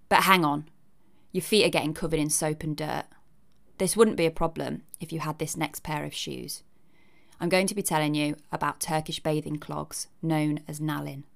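A woman's voice: low-pitched, creaky. A woman giving a scripted narration with chatty asides in a wry, cheeky, conversational manner.

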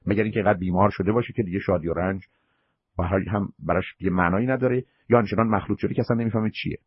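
A man's voice: mid-range voice, husky, no room sound, lo-fi sound. A man hosting a call-in advice show, lecturing the caller emphatically and at length. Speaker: radio psychology show host.

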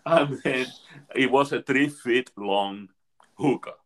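A man's voice: medium pitch, takes it slowly. A man who works as an ayahuasca facilitator, retelling a participant's experience in a podcast chat, often repeating words and restarting phrases.

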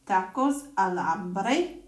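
A woman's voice: medium pitch, lively intonation, drawn-out words. A young woman, tipsy and giggling nonstop, chatting rowdily with a friend. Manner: giggly, rowdy, laughs constantly. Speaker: friend being filmed. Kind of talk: casual chat. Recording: echoey room.

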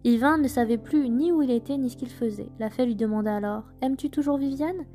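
A woman narrating traditional folk tales in a measured, gentle storytelling manner. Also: a little high, faint music behind. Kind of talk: scripted folk tale narration.

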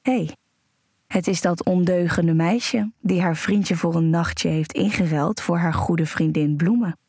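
A woman narrating a first-person erotic audio story in a slow, breathy, sensual way, with soft moans between sentences. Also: lowish voice, no echo, clean studio sound.

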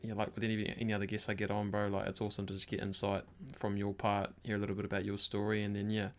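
Young man, broad Kiwi accent, slightly low pitch, matey slangy interview host, casual chat. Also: monotone, quick pace. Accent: broad New Zealand. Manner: matey, slangy, peppered with bro.

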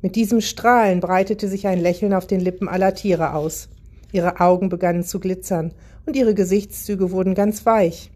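A woman narrating a children's Christmas story in a calm, even reading style. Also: mid-range voice, moderate pace.

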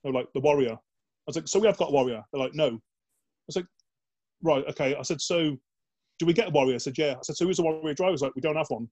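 A man's voice: on the high side, rapid-fire, a little mellow. A man, a former soldier, telling anecdotes in a casual interview, chatty and blokey, with frequent "like" and swearing, and acting out the voices in his stories. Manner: chatty and blokey, peppered with "like" and swearing, acts out quoted dialogue.

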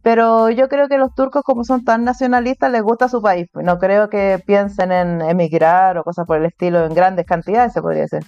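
A woman's voice: mid-range voice, fairly even intonation, brisk, hardly any pauses, darkish tone, dry recording, dull audio, soft background music. A woman from Chile with a Chilean Spanish accent, an artist being interviewed in a casual, chatty way. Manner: casual, chatty, laughs between points. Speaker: interviewee, artist living abroad. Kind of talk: remote interview conversation.

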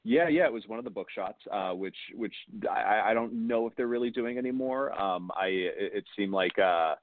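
Casual author guy, deep voice, chatty and rambling, coming through a thin phone call. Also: moderate pace, a little hiss or hum. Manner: rambling, chatty, self-correcting. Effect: heard over a phone-like call line. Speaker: crime fiction author, interview guest. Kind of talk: casual interview chat. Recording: dry, tinny phone-like call audio.

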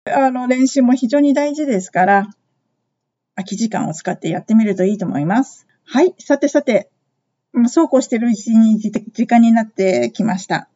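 A woman with a fairly high but mellow voice teaches English phrases in a podcast lesson. She explains slowly and models each phrase for listeners to repeat. The recording sounds a little dull and lo-fi.

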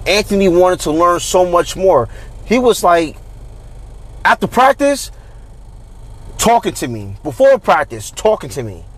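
Guy coaching youth football, hosting a chill sports podcast, voice a bit high, keeps repeating himself. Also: a little slow, pauses often. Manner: animated, repeats and restarts words often. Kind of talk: casual sports chat.

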